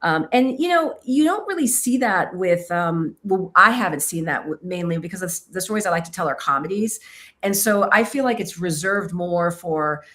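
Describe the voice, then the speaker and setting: Self-deprecating woman filmmaker, lowish voice. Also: lively intonation, normal speed, a bit bright. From Kentucky, United States. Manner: thoughtful, self-deprecating, searching for words. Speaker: filmmaker and author. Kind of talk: casual interview answers.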